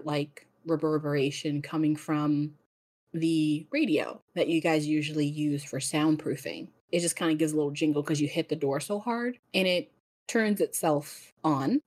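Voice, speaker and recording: A woman narrating a tabletop game as game master, in a casual, quick way with fillers. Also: low voice, a little mellow, no room sound.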